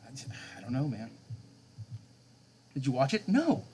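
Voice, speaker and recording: Streamer guy in his 30s, chill late night chat, laughs a lot, normal pitch, little bit of room hum. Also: normal speed. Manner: relaxed, chuckling, reading and answering chat. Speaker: game streamer.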